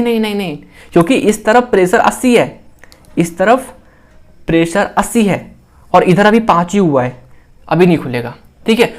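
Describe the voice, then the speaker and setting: A man with an Indian accent teaches in a relaxed lecture style, with a voice that sits a little high for a man. He repeats key phrases and keeps asking the listener questions as he explains. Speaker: physiology teacher. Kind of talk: casual classroom lecture.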